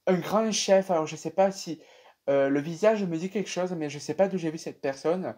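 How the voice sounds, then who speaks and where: A man's voice: fairly high pitch, normal speed, slight background noise. Chatty young Frenchman telling a dream. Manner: animated, chatty, many fillers. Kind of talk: casual storytelling to camera.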